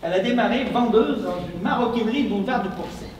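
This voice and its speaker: A man on stage playing an unscrupulous, scheming businessman who briskly coaches his accomplice with dry, sardonic remarks. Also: very high-pitched, darkish tone, slight background noise. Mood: gossipy. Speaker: stage actor. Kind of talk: amateur stage comedy. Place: theatre stage. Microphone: distant room mic. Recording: echoey theatre hall from far off.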